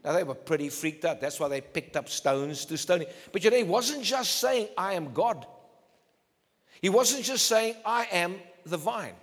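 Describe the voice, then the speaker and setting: A male pastor preaching a sermon emphatically, swinging between loud declarations and low, intense tones. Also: expressive, normal speed. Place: church hall. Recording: long hall reverb.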